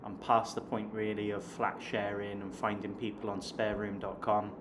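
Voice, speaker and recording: With a lowish voice and a completely flat delivery at normal speed, a southern English man from Hampshire, late thirties, chats casually to camera. He works as an online English teacher and vlogger and calls his viewers "guys." Background noise comes through clearly.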